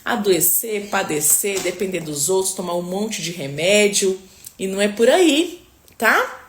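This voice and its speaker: A woman's voice: medium pitch, lively intonation, unhurried. A nutritionist woman chatting on a live stream, answering viewers and often tagging sentences with "tá?" and "né?", with religious blessings mixed in. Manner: chatty, peppers speech with "tá?" and "né?". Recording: roomy, echoey room.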